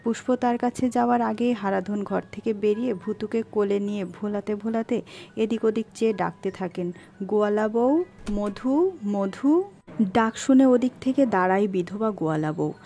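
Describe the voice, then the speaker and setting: A woman narrating an audiobook with steady, expressive storytelling. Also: mid-range voice, brisk, creaky. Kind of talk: scripted narration. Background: faint background music.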